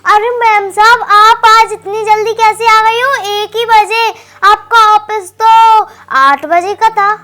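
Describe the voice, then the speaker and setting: A woman's voice: very high voice, fairly even intonation, slow, pushed and bright, heavily acted. A woman playing a cruel housemaid who scolds and threatens a small girl, in a home-made short drama. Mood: startled.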